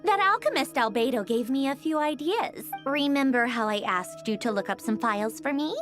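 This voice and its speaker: A woman's voice: high voice, animated, moderate pace, music in the background. An actress voicing a cold, haughty woman commander in a fantasy game, speaking in a dismissive, clipped way. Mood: measured. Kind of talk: video game cutscene voice acting.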